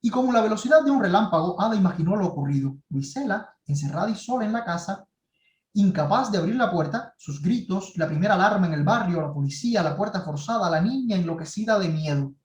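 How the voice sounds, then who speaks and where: A male writing workshop teacher reading a short story aloud in measured, dramatic tones. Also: high voice, lively intonation, darkish tone, muffled recording. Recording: roomy echo.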